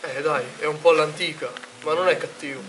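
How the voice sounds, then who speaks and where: A man's voice: on the high side, fairly even intonation, a little fast, noisy background, lightly acted. A young man acting a hesitant, placating brother in an amateur film drama. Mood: placating, unsure. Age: young adult. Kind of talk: acted dialogue in an amateur short film. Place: outdoors at night. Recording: distant voice under clear music.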